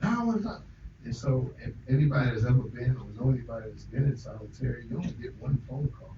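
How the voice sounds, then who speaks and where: A man, an author and minister, telling his story in a candid interview with an earnest, reflective manner that often drops to a quiet tone. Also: medium pitch, fairly even intonation, quick pace. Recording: roomy, distant, dull lo-fi with faint noise.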